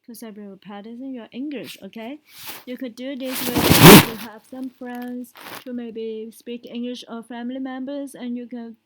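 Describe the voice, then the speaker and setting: A woman teaching English speaking tips, explaining step by step and often checking in with a quick question. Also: fairly high pitch, steady tone, heavy background noise. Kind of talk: spoken language lesson.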